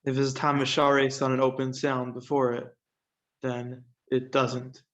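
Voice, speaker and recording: A man's voice: mid-range voice, completely flat delivery, a little slow, a bit bright. A man questioning his teacher in a class, in a probing, challenging way. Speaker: student.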